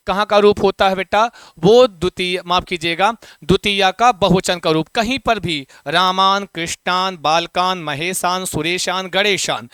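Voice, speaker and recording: A man's voice: sits high, fairly bright tone, clean tone, no room sound, studio quality. A man teaching Sanskrit grammar for an exam, repeating his own questions to students and chanting word forms in rhythm. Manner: repeats questions to students and calls them "beta". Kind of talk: exam-prep classroom lesson.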